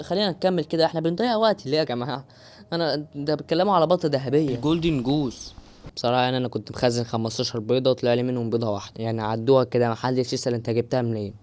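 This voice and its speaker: A man's voice: a little high, darkish tone. A young man with an Egyptian Arabic accent giving live gameplay commentary, exclaiming and joking to his viewers. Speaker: gaming YouTuber.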